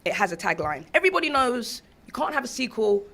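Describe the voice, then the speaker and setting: Female interviewer, enthusiastic, high pitch. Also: big pitch swings, fast talker, fairly bright tone.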